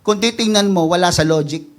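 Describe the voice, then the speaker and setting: A Filipino pastor delivers an energetic sermon to his church congregation, his voice high-pitched and a little fast. He swings from hushed pleading to loud, shouted exclamations and jokes playfully with the people.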